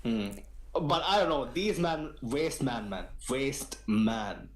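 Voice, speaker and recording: A man's voice: mid-range voice, expressive, slow, echoey room, a crowd in the background, rough recording. A man on a football fan podcast, ranting in an emphatic, slangy way. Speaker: podcast panelist. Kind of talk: heated football podcast talk.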